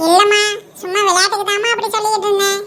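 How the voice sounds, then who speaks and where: A performer voicing an older cartoon sister, quick and sheepish, with a Tirunelveli Tamil accent. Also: very high voice, little pitch movement, noisy background. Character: older sister girl, teasing then sorry. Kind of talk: homemade cartoon dubbing.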